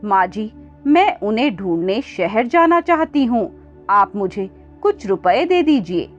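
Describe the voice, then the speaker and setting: A woman's voice: medium pitch, very animated, unhurried. Woman doing a pleading tearful young wife. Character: poor grieving young wife. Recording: dull lo-fi with faint music.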